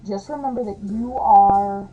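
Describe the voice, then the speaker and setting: A witchcraft vlogger talks casually to camera, chatty and rambling, with frequent fillers and soft laughs. Her mid-range voice is slightly hoarse and gravelly and a little slow. The audio is narrow and tinny, with soft music in the background.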